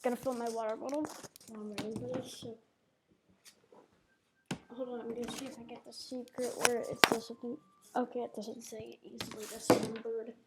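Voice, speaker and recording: A woman's voice: a little high, flat delivery, a little fast, pauses often, heavy background noise. A woman live-streaming a game, chatting casually with her viewers in a playful, silly, bubbly way.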